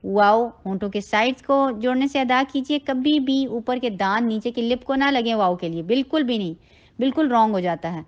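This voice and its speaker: A high-pitched woman gives a tajweed lesson in a step-by-step instructive manner, drawing each word out slowly before briskly explaining how to form it. The recording sounds dull and lo-fi. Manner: recites words very slowly and stretched, then explains briskly; instructive, gives step-by-step mouth and throat directions. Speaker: Quran recitation teacher.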